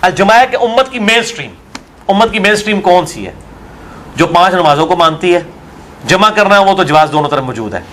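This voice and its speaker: Guy, scholar type, argues and asks questions back, highish voice. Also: expressive, brisk, a bit bright, slight background noise. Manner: argumentative, full of rhetorical questions. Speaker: religious scholar. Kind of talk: religious discussion in an interview.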